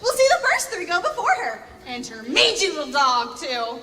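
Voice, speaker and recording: A woman's voice: high-pitched, wildly swooping pitch, moderate pace. An actress playing a cruel, gloating wicked witch, cackling and theatrical as she taunts. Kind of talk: stage play acting. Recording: echoey hall from far off, music.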